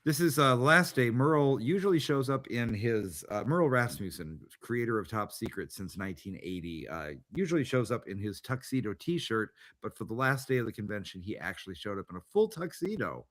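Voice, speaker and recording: A man's voice: medium pitch, big pitch swings, brisk, few pauses, fairly bright tone. A man hosting a tabletop game show, chatting casually and rambling with many fillers and restarts. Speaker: podcast host. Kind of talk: casual chat.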